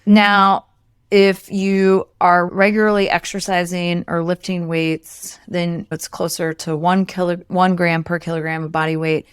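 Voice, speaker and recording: Lowish smooth-voiced woman explaining nutrition. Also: flat delivery, measured pace, no room sound, studio quality. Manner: explains step by step with numbers. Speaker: podcast co-host, nutrition expert. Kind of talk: casual explanatory chat.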